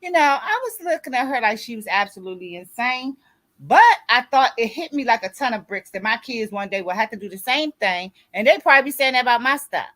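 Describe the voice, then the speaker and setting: A woman's voice: on the high side, animated, brisk, fairly bright tone. A woman in her sixties, an author and grief coach, giving a motivational talk in a preachy way and often asking "you see what I'm saying?". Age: 60s.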